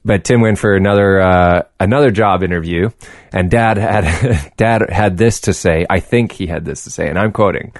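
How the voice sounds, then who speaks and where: A man's voice: sits low, moderate pace, no echo, clean studio sound. A man hosting a casual podcast, chatting in a joking, teasing, sweary way. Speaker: podcast host.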